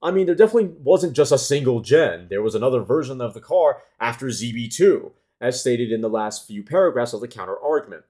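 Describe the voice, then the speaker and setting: A man reading his own analytical essay aloud as a car enthusiast, careful and argumentative, pausing to correct small slips. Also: mid-range voice, expressive, mellow.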